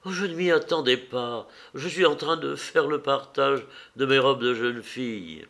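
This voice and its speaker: A man's voice: animated, normal speed, vocal fry, a bit bright. A man reading a novel aloud and voicing an anxious, loving young fiancée in a raised, pleading voice. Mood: joyful. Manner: raised pitch, pleading and startled. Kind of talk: audiobook character voice.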